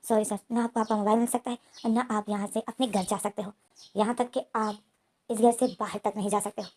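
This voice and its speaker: A woman's voice: mid-range voice, steady tone, fairly quick, a little mellow, a little hiss or hum, close to an everyday voice. A woman voicing a devoted male assistant who coaxes politely and then holds firm. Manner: coaxing, polite, turning insistent.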